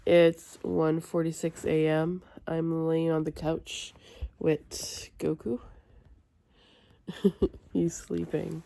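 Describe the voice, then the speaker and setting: A woman's voice: low voice, level tone, very slow, creaky, pauses often, warm tone. A woman chatting casually in a vlog, sounding weary, groggy and stuffed up with a cold. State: sick with a cold and stuffy nose. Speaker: book vlogger.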